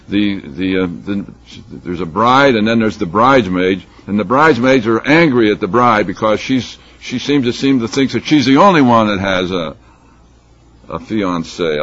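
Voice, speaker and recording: A preacher with a lowish, fairly bright, expressive voice speaks a little slowly as he gives a sermon explaining scripture. He reads passages aloud with rising emphasis and force, using fillers and restarts. The recording is dull and lo-fi.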